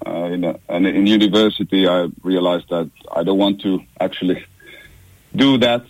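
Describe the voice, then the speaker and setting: A man's voice: sits low, fairly even intonation, moderate pace, no echo. Young Finnish man on a phone line. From Finland. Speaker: phone guest. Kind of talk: casual phone interview.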